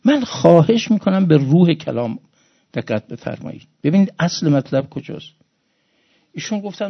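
A man preaching a sermon, moving from hushed storytelling to loud, high-pitched exhortation. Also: vocal fry, lo-fi sound.

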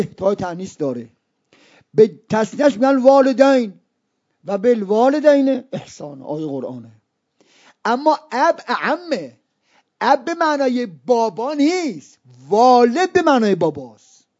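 A male preacher giving a religious lecture to students, explaining slowly and repeating key terms, sometimes dropping to a hush. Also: extremely high pitch, very animated. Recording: dull lo-fi recording.

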